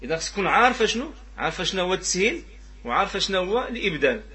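A man with a Moroccan accent teaching a class on Quran recitation rules. His voice is high-pitched and bright. He asks his students questions and demonstrates sounds by stretching them out and repeating them. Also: very animated. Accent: Moroccan Arabic. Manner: drawn-out demonstrations of pronunciation. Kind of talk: classroom lesson on tajweed.

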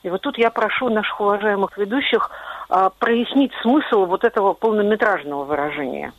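A woman's voice: mid-range voice, a little fast, no echo, phone-quality sound. A woman calling in to a radio show, politely asking puzzled questions about word meanings. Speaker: caller. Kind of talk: phone-in question. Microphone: telephone line.

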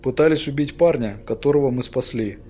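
A man's voice: mid-range voice, moderate pace, soft background music, lightly acted. A man voicing a stern male ship captain who speaks sharply and commandingly.

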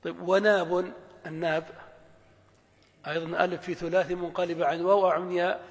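A man with a high-set voice teaches Arabic morphology. He questions his listeners and answers for them, taking on a student's objection now and then and drawing out words slowly. The recording carries a long hall reverb. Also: little pitch movement. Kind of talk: lecture.

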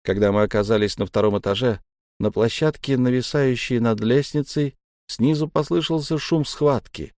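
A man's voice: medium pitch, moderate pace, a little mellow, no room sound, clean studio sound. A man narrating an adventure audiobook in a tense, storytelling delivery.

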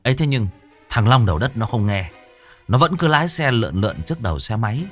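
A man narrating a ghost story in an animated way, voicing several characters. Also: medium pitch, fast talker, soft background music.

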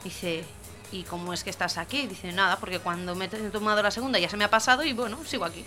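A woman co-hosting a radio comedy show, telling jokes with lively delivery. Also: medium pitch, fast talker, over music.

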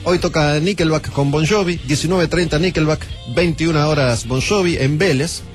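Radio host, man, Argentine, middle-aged; chatty, joking studio banter over a quiet music bed. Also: fairly high pitch, normal speed. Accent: Argentine Spanish.

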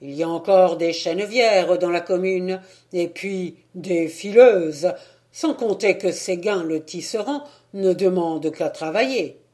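A woman's voice: on the low side, unhurried, darkish tone, lightly acted. A woman voicing a good-natured country priest who speaks firmly and jokes easily. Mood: easygoing. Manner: firm, easygoing, joking.

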